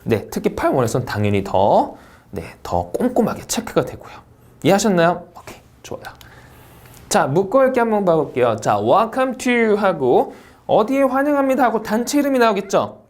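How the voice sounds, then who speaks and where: A man giving an online test-prep lecture as an English speaking instructor, asking rhetorical questions and reading English example phrases slowly and with emphasis. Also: sits high, big pitch swings, a little mellow. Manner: asks the class rhetorical questions and answers them himself.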